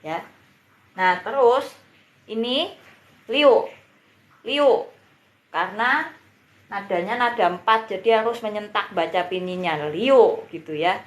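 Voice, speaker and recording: A woman's voice: mid-range voice, lively intonation, a little slow, reverberant. A woman teaching a beginner language class on a live stream, who patiently repeats each word and drills its pronunciation. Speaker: Mandarin teacher.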